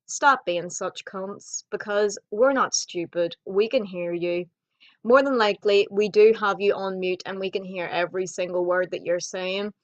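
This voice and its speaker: A young woman, ranting bluntly and swearing a lot in a casual vlog. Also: mid-range voice. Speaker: vlogger. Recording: dull lo-fi home video audio.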